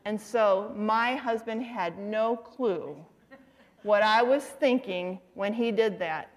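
A middle-aged woman teaching a faith-based class. She tells lively stories and asks her listeners questions. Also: mid-range voice, slow pace. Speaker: Bible study teacher.

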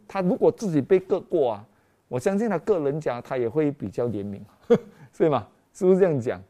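A middle-aged man, preaching as a pastor and telling a personal story with frequent exclamations. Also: a little high. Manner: animated storytelling, frequent exclamations, mixes in English phrases. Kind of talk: sermon with personal testimony.

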